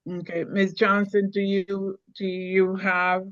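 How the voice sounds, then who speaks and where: A woman chairing a public meeting, speaking politely and procedurally in a halting way. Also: little pitch movement, fairly bright tone, no echo. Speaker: commission chair. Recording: muffled low-fidelity meeting audio.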